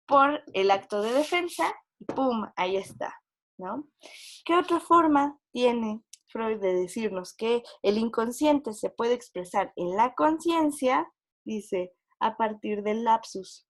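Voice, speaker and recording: A woman's voice: fairly high pitch, expressive, measured pace. A woman giving a university psychology lecture, explaining with frequent tag questions and acting out quoted inner voices.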